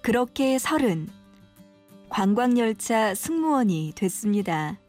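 A woman reading scripted documentary narration in a gentle, measured voice-over. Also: a little high, sing-song, soft background music.

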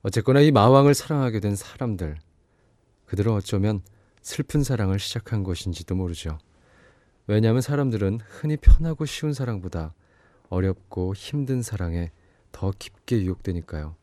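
Male narrator for scripted dramatic storytelling: lower register, dry and close. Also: lively intonation, normal speed, warm tone, no room sound. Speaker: narrator, show host.

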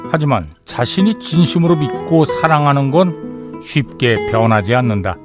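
A man hosting a radio show in a studio, reading a short story and then listener messages, with relaxed banter. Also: medium pitch, moderate pace, loud music behind the voice. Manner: relaxed banter, reads messages aloud and comments.

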